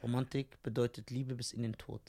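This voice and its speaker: A man's voice: mid-range voice, little pitch movement, fairly quick, dark tone. A man co-hosting a casual podcast, joking and laughing with short replies. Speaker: podcast co-host.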